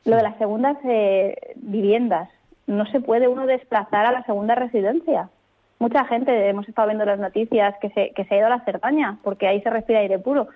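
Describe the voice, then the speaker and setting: A woman legal expert speaking as a radio guest, explaining rules in a clear, firm, methodical way. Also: medium pitch, fairly even intonation, fairly quick. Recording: tinny phone line.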